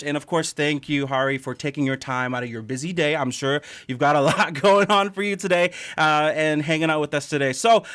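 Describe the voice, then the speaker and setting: A man's voice: fairly high pitch, a bit bright. A man hosting a radio interview in a studio, enthusiastic, with many fillers and restarts. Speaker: radio host.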